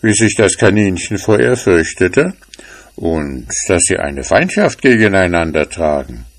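A man's voice: sits low, sing-song, measured pace, heavily acted. A man voicing a sly, scheming hunting dog in a storybook tale, speaking in a raised, boastful way.

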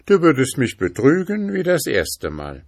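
A man voicing a fearless, quick-witted young student who answers calmly. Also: mid-range voice, no room sound, studio quality, voice pushed up, exaggerated voice. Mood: cool. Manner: calm, quick-witted, unafraid. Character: bold, clever young male student.

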